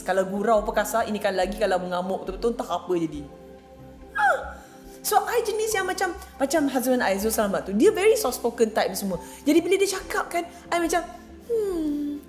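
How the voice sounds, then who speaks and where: A woman from Kelantan tells a story in a relaxed vlog, soft-spoken and chatty, slipping easily between her own language and English. Her voice sits a little high. The room is noticeably echoey, with faint music playing underneath. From Kelantan, Malaysia. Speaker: vlogger. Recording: roomy echo with faint music. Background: faint background music.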